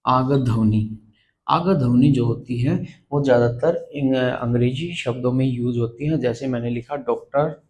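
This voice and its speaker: A male grammar teacher giving a blackboard lesson on letters, slowly repeating each term and asking the viewer to say it back. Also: medium pitch, a little mellow, poor audio. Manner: slow, repeats terms and quizzes the viewer.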